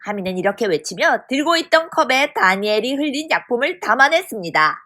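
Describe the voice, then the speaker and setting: Woman reading a kids storybook, really expressive, high voice that bounces around a lot. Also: a little fast. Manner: expressive, dramatic. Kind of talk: storybook narration.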